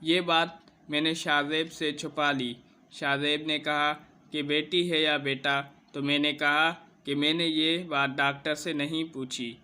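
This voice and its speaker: Male narrator, bright and somewhat high, earnest first-person storytelling. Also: clean tone. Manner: steady, earnest retelling of a personal account.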